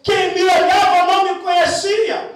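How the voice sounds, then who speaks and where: A Brazilian man with a Brazilian Portuguese accent, a deacon, shouting his testimony fervently to the congregation in a sermon. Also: extremely high pitch, little pitch movement, normal speed, some chatter behind. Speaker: deacon preaching. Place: large echoing church. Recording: echoey church hall, far from the mic.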